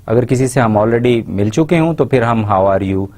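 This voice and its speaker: A man giving a recorded university lecture, explaining in Urdu and reading English example phrases slowly and carefully. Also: medium pitch, animated, a little mellow.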